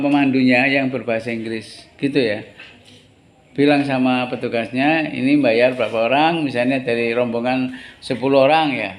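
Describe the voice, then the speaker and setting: Man teaching a class. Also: mid-range voice. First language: Indonesian. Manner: explains slowly, repeats words, asks students questions. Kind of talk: classroom English lesson.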